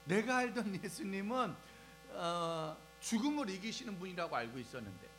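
A man preaching a lively sermon to young people, asking the crowd questions and acting out scenes as he goes. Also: sits high, moderate pace, rough recording. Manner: animated, asks the crowd questions and acts out scenes. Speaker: preacher at a youth service. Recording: faint music and mains hum behind.

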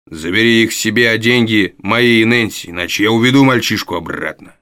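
A man's voice: fairly low pitch, brisk, sharp tone, no room sound, studio quality. A man voicing a brutal male burglar who growls threats. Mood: threatening. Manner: gruff, threatening.

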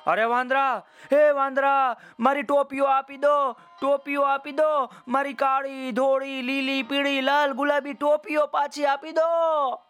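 A man's voice: very high-pitched, monotone, fairly bright tone, clean tone, soft background music, voice pushed up, exaggerated voice. Man doing a singsong village cap peddler. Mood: pleading. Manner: drawn-out singsong street calls. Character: male village cap peddler, cheerful hawker.

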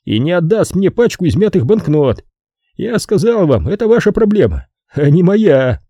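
A sulky, tired, stubborn man complains in a raised, petulant voice, as a male narrator puts him on. The read is husky and dark, recorded close and dry. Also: high voice, big pitch swings, moderate pace, dry recording, dull audio, voice pushed up, exaggerated voice. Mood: grumbling.

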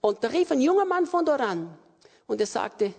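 A man's voice: extremely high pitch, big pitch swings, normal speed, vocal fry, a little mellow. A middle-aged man with an Austrian accent preaching a sermon, emphatic and repetitive. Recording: reverberant hall.

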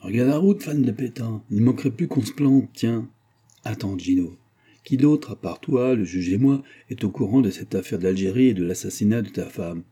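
A man doing a gruff teasing cop buddy. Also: lowish voice, moderate pace, warm tone. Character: blunt joking male cop partner, crude.

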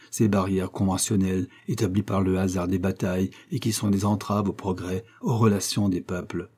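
A man's voice: fairly low pitch, mellow, breathy edge. A man voicing a kindly, idealistic elderly scientist, declaiming with emphasis in a storybook reading.

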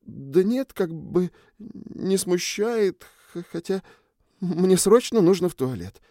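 A man's voice: high-pitched, expressive, slow, dark tone, no echo, studio quality, voice pushed up, heavily acted. A man voicing a timid, awkward young man who talks nervously, stammers and pleads.

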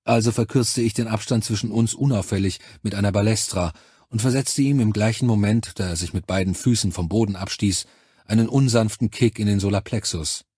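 Low husky guy reading an audiobook in first person, calm and measured, dry close sound. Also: no room sound. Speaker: audiobook narrator. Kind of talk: scripted first-person narration.

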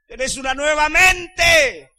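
A man with a Rioplatense Spanish accent, a pastor preaching a sermon in a church. He swings from hushed lines to shouting and keeps calling on the congregation to answer. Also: extremely high pitch, slow, dry recording. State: sweating and losing his voice.

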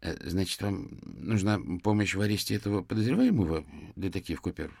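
An over-eager police officer who trips over his words, as a man voices him. The voice is deep and dry, hesitant and keen to please. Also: brisk, creaky, darkish tone, breathy edge, dry recording, heavily acted. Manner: hesitant, stammering, overly helpful.

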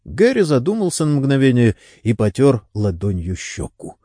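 A man reading a novel aloud as an audiobook narrator, expressive and switching between character voices. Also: medium pitch, moderate pace, no echo, studio quality. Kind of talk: scripted narration.

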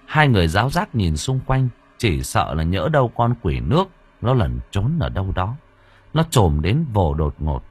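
A man reading a story aloud with dramatic, lively narration. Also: deep voice, normal speed, slightly rough. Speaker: audiobook narrator. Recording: faint background music.

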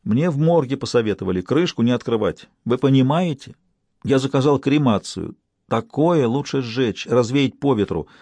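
A man's voice: mid-range voice, animated, moderate pace, mellow, no echo, voice pushed up. Man voicing a hysterical young clerk. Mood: distraught. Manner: hysterical, pleading. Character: panicky young male bank clerk. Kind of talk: audiobook reading.

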